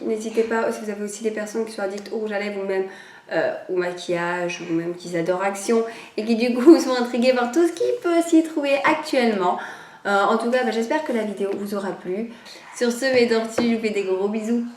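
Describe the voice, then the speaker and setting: A woman's voice: medium pitch, brisk. Chatty woman vlogger kinda nasal, lots of ums, roomy echo, little bit of hiss. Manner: rambling, hesitant, many fillers. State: recovering from a cold. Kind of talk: casual chat.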